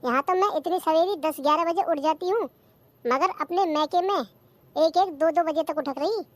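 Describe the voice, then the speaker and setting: A performer voicing a cheeky, lazy young daughter-in-law who talks back, in a cartoon comedy. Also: female voice, extremely high pitch, moderate pace, no room sound. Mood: sassy.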